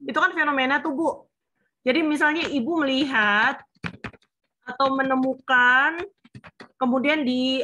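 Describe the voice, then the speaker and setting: Woman, high voice, bright tone, patient thesis advisor, fillers. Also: a little hiss or hum. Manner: explaining patiently, many fillers. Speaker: thesis supervisor. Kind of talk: online thesis consultation.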